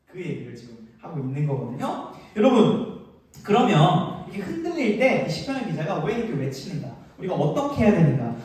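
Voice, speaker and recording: Lively young man preaching in an echoey hall. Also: sits high, far from the mic. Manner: lively, playful, asks the audience questions. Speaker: youth pastor. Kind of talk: youth sermon with audience questions. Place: church hall, heard from far off.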